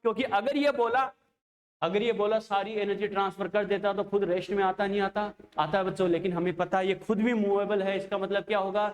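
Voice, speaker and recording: A man's voice: high-pitched, fairly even intonation, fairly quick. A male chemistry teacher giving a classroom lecture, coaxing his students along, calling them children and constantly checking whether they follow. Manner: coaxing, keeps checking understanding with rhetorical questions; addresses students fondly as children.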